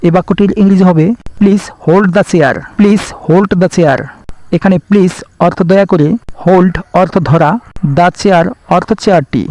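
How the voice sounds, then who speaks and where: A man teaching spoken English, saying each sentence slowly and carefully, then explaining it word by word. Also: high voice, darkish tone, no room sound. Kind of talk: slow, careful lesson narration. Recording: dull lo-fi recording.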